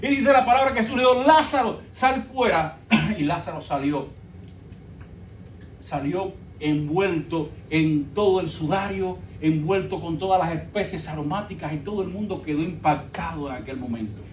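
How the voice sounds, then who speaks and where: A man's voice: on the high side, normal speed, a little mellow. Man, pastor, sermon, dramatic storytelling, roomy sound, faint background noise. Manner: dramatic storytelling, addresses the congregation as brothers. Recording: echoey church from far off.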